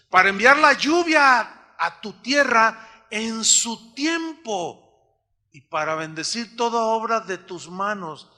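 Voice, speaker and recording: A man, a pastor preaching a sermon in an animated way and acting out the voices of the people in his stories. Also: sits high.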